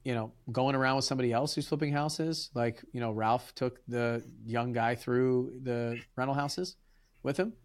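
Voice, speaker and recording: A man hosting a casual podcast conversation, with a mid-range voice. He rambles in a relaxed way and slips into quick acted exchanges with workers he has hired. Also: mid-range voice. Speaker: podcast host. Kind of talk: casual interview chat.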